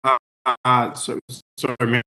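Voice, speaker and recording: A man's voice: medium pitch, completely flat delivery, slow, pushed and bright. Man on a choppy, breaking-up call line. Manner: hesitant, with restarts. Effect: audio breaking up over a video call. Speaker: applicant's representative at a council hearing. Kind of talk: formal remarks at a public hearing. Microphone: remote video call.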